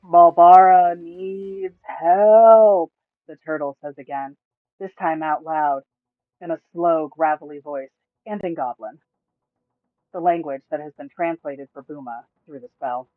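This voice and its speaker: High-voiced man narrating a game story. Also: steady tone, moderate pace, no echo. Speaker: dungeon master and narrator. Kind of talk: reading a tabletop game story. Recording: tinny, phone-like, dry, faint music.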